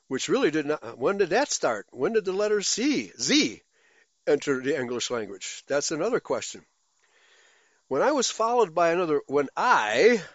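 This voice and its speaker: A man's voice: on the high side, dry recording, muffled recording. A man reading out forum comments and adding his own remarks, thinking aloud as he goes. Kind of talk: casual read-aloud commentary.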